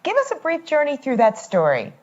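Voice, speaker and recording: A woman's voice: high voice, wildly swooping pitch, fairly quick. A woman host asking an author encouraging interview questions. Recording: muffled lo-fi.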